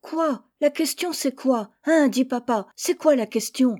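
A woman's voice: a little slow, darkish tone. A woman voicing a brood of noisy, curious baby birds who keep asking questions in a storybook reading. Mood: pestering. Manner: shrill, insistent questioning.

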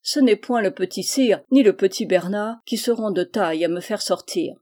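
A woman's voice: medium pitch, moderate pace, mellow, natural voice. A woman voicing a mocking, mournful devil that speaks through a possessed woman, in a storybook reading. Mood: sneering.

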